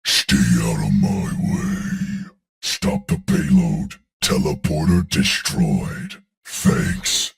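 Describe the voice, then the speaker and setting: A man voicing a brutish, menacing hulking thug in a video game, with a deep guttural rasp. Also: animated, extremely slow, over loud music, full character voice. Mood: brutal menace. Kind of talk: video game character voice lines.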